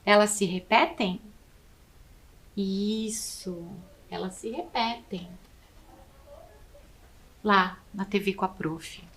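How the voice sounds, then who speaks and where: Woman teacher, Brazilian Portuguese accent, slow patient delivery for a kids' video lesson. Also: mid-range voice, fairly even intonation, a bit bright. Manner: slow, patient, counting and spelling aloud.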